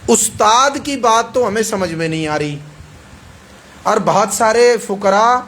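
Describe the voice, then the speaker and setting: A man's voice: high-pitched, lively intonation, fairly bright tone, a little hiss or hum. A male preacher with a Pakistani Urdu accent gives a hadith sermon in an emphatic way, repeating phrases and checking that the audience agrees.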